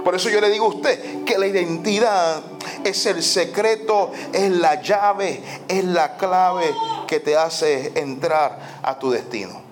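In a church sanctuary, a pastor with a fairly high voice preaches slowly over music. His sermon is emphatic, full of repeated phrases, and he drops in the English word "so."

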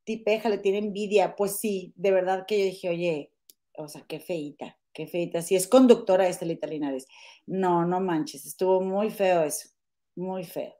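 A woman's voice: fairly low pitch, steady tone, measured pace, mellow. A Mexican woman co-hosting a casual gossip chat, outspoken and scandalized, peppering her talk with slang. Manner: scandalized and outspoken, uses slang like "güey" and "vato". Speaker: co-host of a gossip show.

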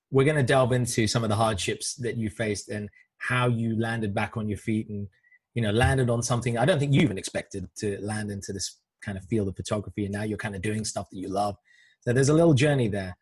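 Husky-voiced enthusiastic man hosting a podcast. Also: lowish voice, no room sound. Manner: enthusiastic, chatty, many fillers. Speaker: podcast host. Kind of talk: casual interview.

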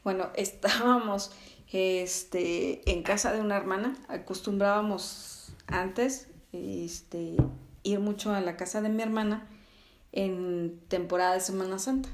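A woman telling a story in casual chat, with many fillers and frequent laughter. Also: mid-range voice. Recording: echoey room.

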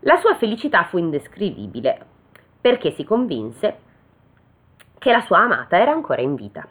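A woman's voice: lowish voice, wildly swooping pitch, fairly bright tone, breathy edge. A woman reading a fairy tale aloud, breaking off to make joking comments. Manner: reads slowly, then breaks off into joking comments. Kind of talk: casual read-aloud with chatty asides. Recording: tinny phone-like sound.

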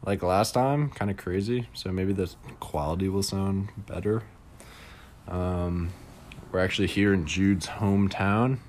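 Young guy cohosting a podcast, kinda low voice, laid back, laughs a lot. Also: measured pace, darkish tone, slight background noise. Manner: easygoing, laughing, many fillers. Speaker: podcast co-host. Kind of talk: casual chat.

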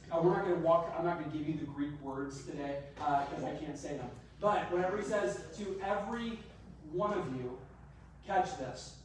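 Man preaching a sermon, slightly high voice, heavy echo, recorded from afar in a church. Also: a little mellow, slight background noise. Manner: chatty, self-deprecating, repeats phrases for emphasis. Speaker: pastor. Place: church sanctuary. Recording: very echoey room from far off, faint ambience.

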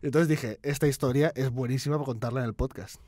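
A man's voice: mid-range voice, fast, warm tone, dry recording. Male podcast guest from Catalonia, chatty storyteller, dry close recording. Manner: rambling anecdote with fillers and laughs. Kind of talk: casual chat, storytelling.

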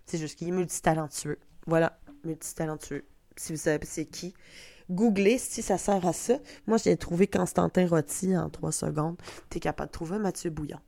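A woman's voice: on the low side, normal speed, vocal fry, mellow. A middle-aged woman from Quebec with a Québécois accent, hosting a podcast in a chatty, self-mocking monologue that is sprinkled with swearing. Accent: Québécois French. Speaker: podcast host. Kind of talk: casual monologue.

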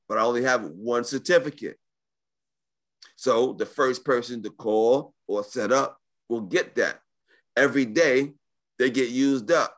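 A man giving a casual, slangy live webinar sales pitch in the manner of a home shopping host, pushing deals and often checking in with the listener. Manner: informal and slangy, often checking in with right and okay. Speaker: business credit coach hosting a sales webinar.

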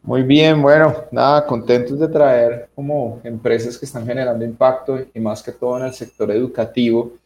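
A man's voice: mid-range voice, level tone, normal speed, few pauses, a little mellow, reverberant, a little hiss or hum. A man with a Colombian accent hosting a radio interview and introducing a guest conversationally. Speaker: radio show host.

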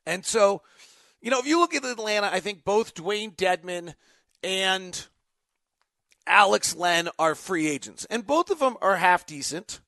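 An American man hosts a casual live sports podcast as a basketball announcer and insider, sharing his opinions in a conversational, emphatic way. His high-sitting voice is animated, gravelly and bright, with a forceful tone and a measured pace. There's no room sound.

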